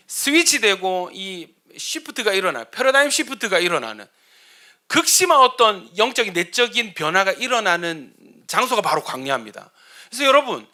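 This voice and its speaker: A male pastor preaches with a high, bright voice that swings widely up and down. He tells humorous stories and keeps asking the congregation questions. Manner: animated, asks the congregation questions; humorous storytelling. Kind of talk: sermon.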